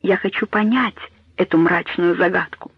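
A man's voice: sits high, steady tone, moderate pace, vocal fry, slightly rough, no room sound, heavily acted. A man reading a storybook voices a frantic young woman who pleads with her mother in rising, tearful tones. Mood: insistent. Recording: tinny phone-like dry audio.

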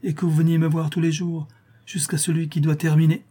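A man reading a dying young count, husky and weak. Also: on the high side, little pitch movement, mellow, voice pushed up. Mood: pleading. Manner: faint, halting then firm.

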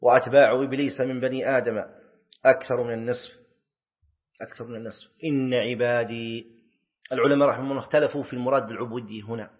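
A man's voice: medium pitch, steady tone, very fast. A sheikh teaching a class, who often puts questions to his students, answers them himself and repeats key phrases. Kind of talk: classroom lecture. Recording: dull lo-fi recording.

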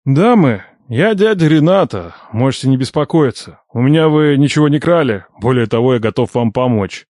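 A man's voice: medium pitch, expressive, moderate pace, a little mellow, no room sound, studio quality, lightly acted. A man doing a nosy, needling old uncle. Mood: reassuring. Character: probing teasing older uncle, shrewd, wry.

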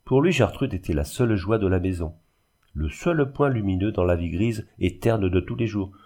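Man reading an old novel aloud, lowish voice, mellow and measured. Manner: measured, even storytelling. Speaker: audiobook narrator. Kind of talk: literary audiobook narration.

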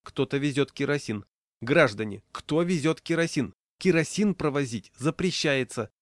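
A man reading a story, voicing a female tram conductor who loudly and officiously calls out to the passengers. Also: mid-range voice, a little fast, no room sound, studio quality, pitched above the performer's own voice, close to an everyday voice. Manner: loud, officious, repetitive.

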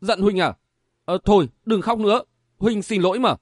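A man's voice: high-pitched, normal speed, no echo, studio quality. A man voicing a tender, stubborn young swordsman in a martial-arts romance audiobook, talking in an earnest, soothing way.

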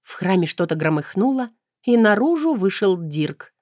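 Woman reading an audiobook in first person, even and smooth, very dry close sound. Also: mid-range voice, normal speed, no echo. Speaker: audiobook narrator.

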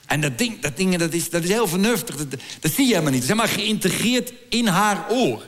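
A middle-aged man doing a stand-up comedy routine for a live audience. He stammers and repeats words as he builds crude, deadpan jokes. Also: sits high, fast.

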